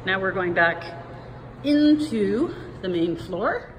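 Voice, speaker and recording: Chatty woman giving a slow house tour. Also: medium pitch, animated, background noise. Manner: chatty, pointing things out while walking. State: a little out of breath. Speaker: real estate agent. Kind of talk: walking house tour narration. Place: large house indoors.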